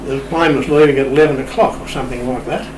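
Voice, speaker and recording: A man's voice: medium pitch, fairly even intonation, quick pace. An older Australian man telling a casual anecdote as an interview guest, in a wry, playful, understated way. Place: radio shack room. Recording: roomy, distant mic, clear background noise.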